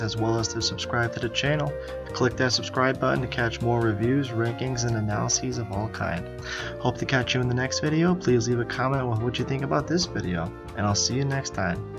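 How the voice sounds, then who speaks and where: A young man giving an earnest, mock-formal drink review with scores, as the channel's host. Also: medium pitch. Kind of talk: product review narration. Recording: slightly dull lo-fi audio.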